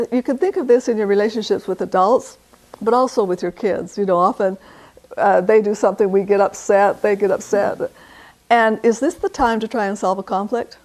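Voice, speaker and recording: A woman's voice: mid-range voice, darkish tone. Older woman giving a parenting talk. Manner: conversational, fillers, acts out quoted dialogue. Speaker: parenting speaker. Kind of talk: lecture.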